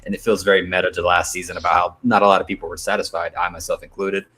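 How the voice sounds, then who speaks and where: Low, husky-voiced blunt man. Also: level tone, very fast, pushed and bright, soft background music. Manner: blunt, profane, opinionated. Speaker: co-host. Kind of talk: casual chat.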